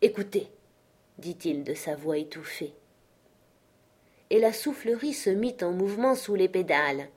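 A woman narrating an audiobook of a literary tale in a measured, expressive way. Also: on the low side.

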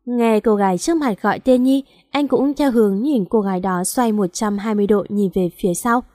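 A woman narrating a romance story as an audiobook, in a steady storytelling manner. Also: medium pitch, fairly quick, dry recording, studio quality.

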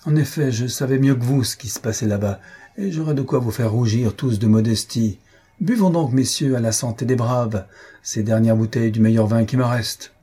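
A man's voice: mid-range voice, moderate pace, mellow, slightly rough, lightly acted. A man voicing an old blind marquis in an audiobook, with a fervent, solemn way of raising toasts. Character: old blind male marquis, proud royalist host. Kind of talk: audiobook character voice.

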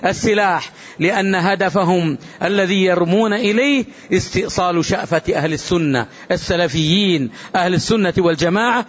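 A man, an Islamic scholar, giving a religious lecture that grows fervent and emphatic, with long rising supplications. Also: sits high. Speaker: Islamic scholar teaching a book. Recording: dull lo-fi recording.

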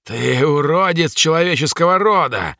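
A man doing a hoarse sneering demon. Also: on the high side, lively intonation, moderate pace, sharp tone, dry recording, clean studio sound, pitched above the performer's own voice, exaggerated voice. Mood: furious. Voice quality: hoarse, growling. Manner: mocking, sly.

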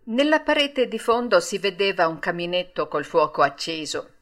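A woman reading a classic children's story aloud with expressive, swooping intonation. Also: fairly low pitch, moderate pace. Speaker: audiobook reader. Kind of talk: storybook narration.

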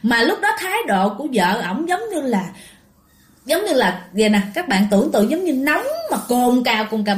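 A woman with a Southern Vietnamese accent telling ghost stories to listeners in a lively, animated way. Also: fairly high pitch. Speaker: ghost story narrator. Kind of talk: storytelling to listeners. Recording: echoey room.

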